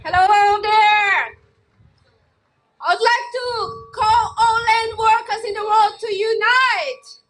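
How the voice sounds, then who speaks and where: A woman delivers an impassioned speech with emphatic, declamatory phrasing. Her voice is extremely high and bright, and she takes her time over each phrase. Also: level tone, measured pace, soft background music, poor audio. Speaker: farmer activist, speaker.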